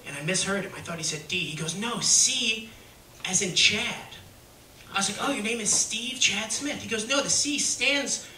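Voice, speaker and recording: A man's voice: high voice, normal speed. A man doing a stand-up comedy set on a music hall stage, with a brash, punchy delivery and frequent check-ins with the crowd. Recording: echoey venue, distant, loud crowd noise.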